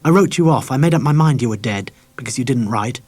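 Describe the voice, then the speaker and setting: A man voicing a posh young English woman with an upper-class accent, who speaks in a shrill, clipped and accusing way. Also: expressive, fast talker, a little mellow, slightly rough. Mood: angry.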